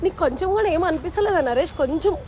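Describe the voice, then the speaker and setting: Woman scolding her friend, super high voice, rattles it off fast. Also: over a noisy crowd. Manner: scolding, exasperated. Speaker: prank video participant. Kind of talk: heated casual argument.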